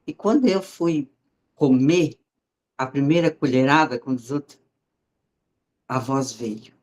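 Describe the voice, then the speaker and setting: A woman's voice: extremely low pitch, takes it slowly, a little mellow. A woman, sharing a heartfelt personal faith testimony in a conversational, storytelling way and speaking directly to her listeners.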